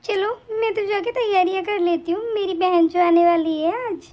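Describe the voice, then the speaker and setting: Woman doing a cruel daughter-in-law, nagging, sharp, scolding, very high voice, animated story. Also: moderate pace, lo-fi sound. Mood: impatient.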